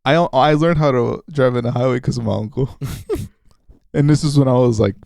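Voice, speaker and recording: A man's voice: medium pitch, a little fast, creaky, darkish tone, dry recording. A man in his twenties on a casual podcast, telling a story with lots of laughs, swearing and quoted voices. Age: 20s. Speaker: podcast co-host. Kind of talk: casual chat.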